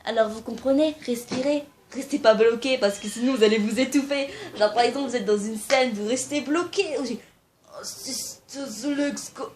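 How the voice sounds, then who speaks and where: A young woman with a slightly high voice gives casual singing advice straight to camera. She talks informally and hesitantly, with plenty of fillers. A faint steady hiss sits under her voice. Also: fairly quick, few pauses. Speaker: amateur singing tips vlogger. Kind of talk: casual spoken tips to camera.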